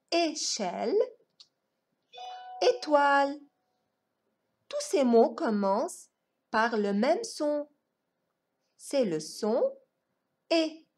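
A woman teaching young children a phonics lesson, enunciating each word in a slow, exaggerated sing-song way. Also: a little high, a little mellow, slightly rough. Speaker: preschool teacher.

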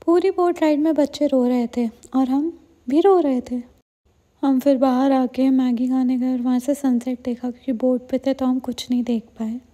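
A young woman narrates a travel vlog in a clean voice-over. Her high, mellow voice stays dry and wry as she recounts the trip. The delivery is relaxed and close to the mic. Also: normal speed. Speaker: vlogger.

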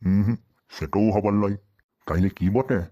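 A low-voiced man plays a sly, stingy, henpecked husband in a comedy cartoon, speaking a rural western Bengal Bengali dialect in a folksy, wry way. He sounds worried and grumbling, warm and close to an everyday voice, at a moderate pace. The voice track is dull and lo-fi.

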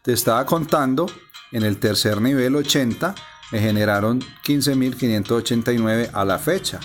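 A man calmly narrating a phone game walkthrough step by step. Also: mid-range voice, normal speed, faint music behind. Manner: explains step by step, calm and methodical. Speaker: gameplay narrator. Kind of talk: casual screen-recording walkthrough. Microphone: voice-over on a phone screen recording.

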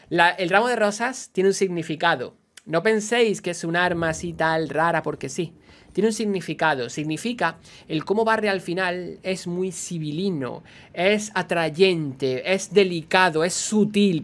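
A man's voice: fairly high pitch, measured pace. Chatty man explaining game lore. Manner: chatty, explanatory, often says "¿vale?". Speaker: lore channel host. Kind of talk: casual gameplay lore commentary.

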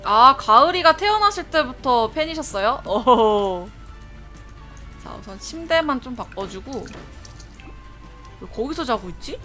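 A young woman streaming a life-sim game, chatting to viewers and breaking into excited laughing shrieks. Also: sits high, unhurried, long pauses, faint music behind. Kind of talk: casual livestream commentary.

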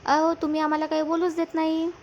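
A woman's voice: very high-pitched, completely flat delivery, fast talker, a little mellow, muffled recording, a little hiss or hum. A woman voicing a scheming middle-aged man, a father, who speaks in a fawning, mock-apologetic way. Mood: fake apologetic.

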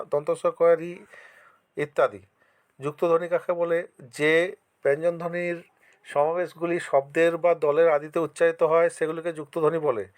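A man from West Bengal with a West Bengal Bengali accent, teaching an exam-prep lesson to his students. He reads each question aloud, answers it, and gives examples. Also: on the high side. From West Bengal, India. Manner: addresses students directly, encouraging.

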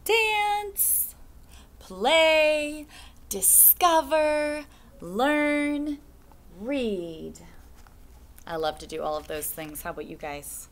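Through a webcam at her desk, a classroom teacher in her thirties reads a picture book to young children. Her high-pitched voice carries a slow, sing-song storytime lilt.

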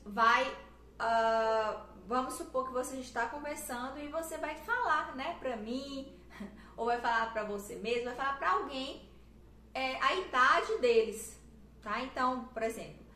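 Brazilian woman in her thirties, teacher, bright voice, echoey room, patient and slow on the examples. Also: high voice. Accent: Brazilian Portuguese. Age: 30s. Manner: explains patiently, drawls example sentences slowly, ends phrases with "tá?". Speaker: English teacher. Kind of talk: casual online English lesson. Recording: echoey room with faint noise.

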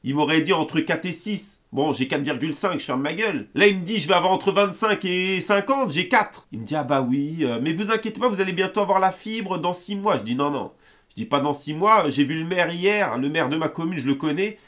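A man's voice: fairly high pitch, animated, a bit bright. Heated young man ranting to camera. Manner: fast, heated, swearing, retells phone calls. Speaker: gaming YouTuber ranting to viewers. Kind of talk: angry casual rant to camera.

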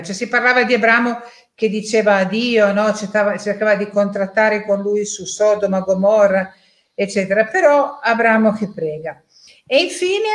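An Italian woman shares a casual reflection on scripture, pausing often and checking in with little tag questions. Her voice sits at an ordinary middle pitch. The room around her is noticeably echoey. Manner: thoughtful, hesitant, tag questions and fillers. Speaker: parishioner sharing a Bible reflection.

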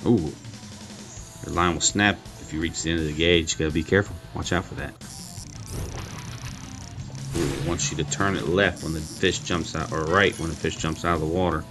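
A man's voice: rumbling low, steady tone, normal speed, pauses often. A man giving casual, chatty commentary while playing and reviewing a mobile game, thinking aloud and poking fun at his own mistakes. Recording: faint game music behind.

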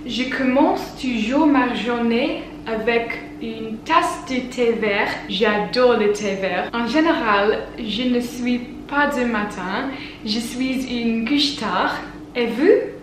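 Slow, careful young Englishwoman vlogging. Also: on the high side, roomy sound, slight background noise. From England. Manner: slow, careful speaking with frequent laughs. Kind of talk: casual vlog, learning French. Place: indoors at home, study.

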